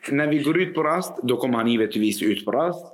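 A man telling a story in casual podcast chat, animated and acting out the dialogue, with frequent fillers. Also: medium pitch, a little hiss or hum.

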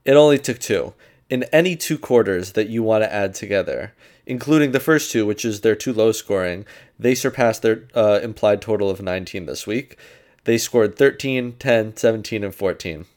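A man on a casual sports betting podcast, relaxed and thinking aloud as he makes his picks. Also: lowish voice, moderate pace.

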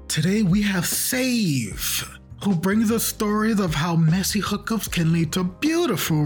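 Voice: mid-range voice, slightly rough. A podcast host chatting casually and teasing a guest in a playful way.

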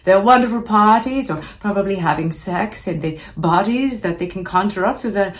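A woman's voice: mid-range voice, moderate pace, close to an everyday voice. A woman playing a vain, ghostly old-time movie star, hosting a comic podcast with campy, arch, drag-queen grandness. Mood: gossipy, grand. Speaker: podcast host. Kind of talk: comic in-character podcast monologue.

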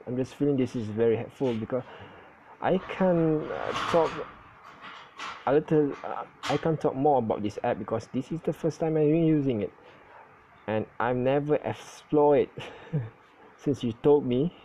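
A man who is not a native English speaker, recording his first casual podcast on a phone app and talking in a hesitant, halting way with many self-corrections. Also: medium pitch, warm tone, a little hiss or hum, rough recording. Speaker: English learner.

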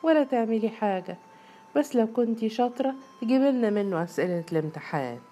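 A woman's voice: fairly high pitch, very animated, quick pace, gravelly, a little mellow, a little hiss or hum, pitched above the performer's own voice. A woman with an Egyptian accent voicing a nosy young female student friend who talks in a mocking, eager way. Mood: teasing.

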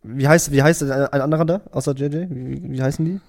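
A young man co-hosting a podcast, chatting casually and excitably, full of jokes and slang. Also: fairly high pitch, quick pace. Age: young adult. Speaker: podcast co-host. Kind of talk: casual chat.

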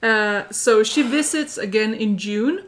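A woman's voice: fairly high pitch, measured pace, fairly bright tone. A woman hosting a casual chat, recounting events with plenty of fillers. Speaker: host recounting a story.

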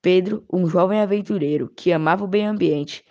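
A woman reads an adventure story aloud at a steady pace. Her voice is low-pitched and warm. The recording sounds dull and lo-fi. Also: fairly quick.

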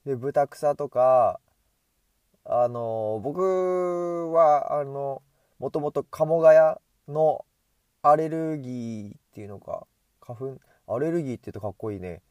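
Mellow-voiced man rambling with a runny nose. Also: medium pitch, a little slow, dry recording, dull audio. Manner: chatty and self-amused, talks to himself. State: runny nose from hay fever. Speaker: solo podcaster. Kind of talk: casual rambling monologue. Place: outdoors on a street, walking. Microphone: earbud headset mic.

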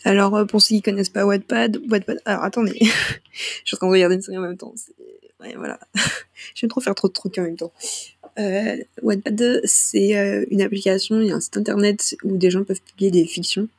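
A woman's voice: medium pitch, steady tone, brisk, vocal fry, breathy edge. A young woman hosting her own podcast, rambling casually with hesitations and self-deprecating asides, into a small microphone. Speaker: podcast host. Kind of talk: casual solo podcast chat.

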